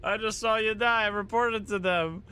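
A man's voice: high voice, fairly even intonation, moderate pace, slight background noise. A man livestreaming a video game with casual, reactive commentary, joking and talking back to the game. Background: loud game music.

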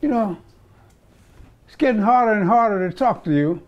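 A man's voice: sits high, animated, normal speed, lo-fi sound. An actor playing a stubborn middle-aged father who scolds and grumbles at his son. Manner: scolding, repeats calls, shouts the name. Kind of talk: comedy sketch acting.

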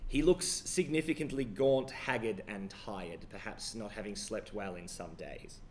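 A man's voice: lowish voice, a little hiss or hum. Australian man narrating a horror game. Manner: measured, descriptive. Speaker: game master.

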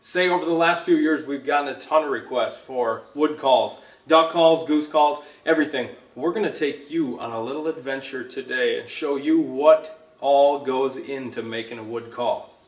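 A man's voice: medium pitch, normal speed, recorded from a distance. A man, presenting a casual, folksy promotional how-to. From Minnesota, United States. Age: 20s. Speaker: call company presenter. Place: indoor workshop with shelving. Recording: roomy workshop, away from the mic.

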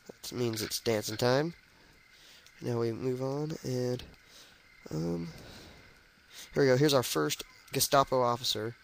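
A man's voice: medium pitch, takes it slowly, gravelly, a little hiss or hum, low-quality recording. A young man giving casual, jokey commentary as he plays a shooter game, narrating each move. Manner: chatty, jokey, narrates his moves as he plays. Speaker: let's play gamer.

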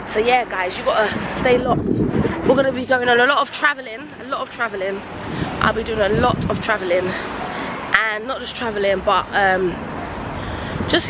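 Chatty young woman vlogging on a noisy street. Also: a little high. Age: young adult. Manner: chatty, informal, addressing viewers directly. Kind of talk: casual chat to camera. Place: outdoors walking along a suburban street. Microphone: handheld camera at arm's length. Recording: noisy outdoor street with passing traffic.

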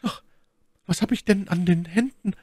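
A woman's voice: on the low side, normal speed, a little mellow, no echo, studio quality, pitched above the performer's own voice, natural voice. A man voicing a scheming noblewoman prisoner, talking in a breathless, theatrical, pleading way. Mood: breathless, overwrought.

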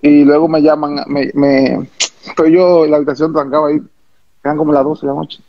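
Man, Dominican accent, former pitcher, animated storyteller, repeats words, dry close recording. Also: fairly quick, no echo, lo-fi sound. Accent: Dominican Spanish. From Dominican Republic. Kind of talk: interview storytelling.

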